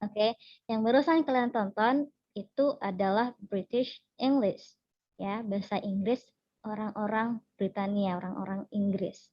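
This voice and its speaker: Teaching English, this young Indonesian woman is friendly, laughs a lot and switches between English and Indonesian. She speaks a little slowly with a steady tone at medium pitch. There's no room sound, and the recording is dull, dry and lo-fi.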